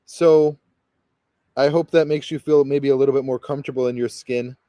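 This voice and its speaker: A man leads a guided meditation in a mellow, relaxed voice of middle pitch. He rambles and hesitates, circling back on himself with fillers and restarts. The recording is dry and close, with no room sound. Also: moderate pace, no room sound. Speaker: spiritual guide leading a meditation.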